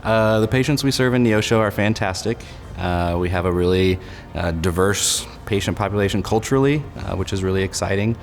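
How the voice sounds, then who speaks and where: A man speaking thoughtfully with many pauses about his patients in an interview. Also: low-pitched. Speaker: dentist, scholarship recipient. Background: soft background music.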